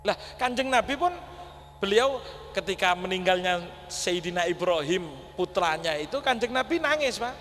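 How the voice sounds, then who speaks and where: Male preacher, high voice, folksy sermon delivery, big reverberant mosque hall. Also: lively intonation, moderate pace, fairly bright tone. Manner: folksy, addresses audience as Pak, mixes Javanese words. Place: large mosque. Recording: long hall reverb, faint hum.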